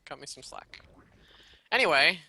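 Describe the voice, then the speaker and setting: Bright-voiced excitable male game caster. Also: on the high side, a little slow, breathy edge. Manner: excitable, rambling, laughs often. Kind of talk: casual live game commentary.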